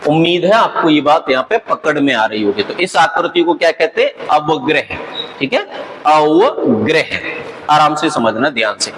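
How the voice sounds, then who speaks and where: Male teacher, raised pitch, quizzes and answers himself, faint hiss under the voice. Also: sing-song, moderate pace, a bit bright, rough recording. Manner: explains patiently, asks and answers his own questions. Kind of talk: exam-prep grammar lesson.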